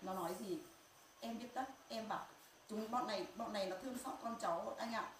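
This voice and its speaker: A grieving middle-aged woman speaks in a pained, insistent way and keeps circling back to the same points. She is heard from some distance off the mic in an echoey room. Loud background noise runs under her voice. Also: mid-range voice, fairly quick. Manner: pained, insistent, repeats herself. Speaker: grieving mother. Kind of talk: emotional family confrontation.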